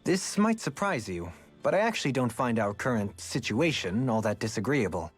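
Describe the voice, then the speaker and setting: A courtly former lord. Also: male voice, mid-range voice, sing-song, moderate pace, slightly rough, faint music behind. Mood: reflective. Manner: formal, courtly phrasing. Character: refined male former lord, gentle and eccentric. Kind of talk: game character dialogue.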